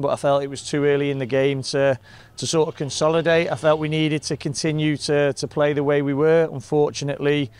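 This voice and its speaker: A man, a football manager giving a measured, frustrated post-match interview outdoors. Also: medium pitch, clear, resonant tone. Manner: measured, frustrated, plain-spoken. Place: outdoors in front of a sponsor board.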